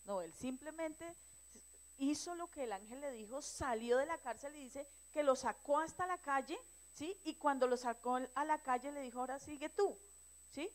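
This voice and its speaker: A woman sharing earnestly with her church prayer group, telling a story with lively rhetorical questions. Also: high voice, moderate pace, rough recording. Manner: earnest, animated storytelling with rhetorical check-ins.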